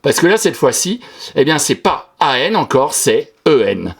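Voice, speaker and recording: A man's voice: fairly high pitch, big pitch swings, unhurried, creaky, slightly rough. A man teaching a class, correcting a pupil's written text line by line in an encouraging, sing-song way. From France. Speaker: primary school teacher.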